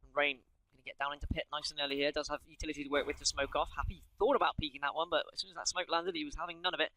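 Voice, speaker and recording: Male play-by-play caster, West Country English, rapid delivery, crisp bright tone, throws in jokey asides. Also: a little high, little pitch movement, low-quality recording. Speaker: esports commentator. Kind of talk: play-by-play commentary.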